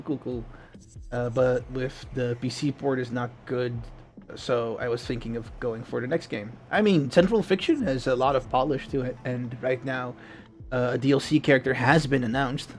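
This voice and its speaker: A man's voice: medium pitch, a little hiss or hum. A young man streaming a game, chatting casually and rambling through answers to viewers' questions.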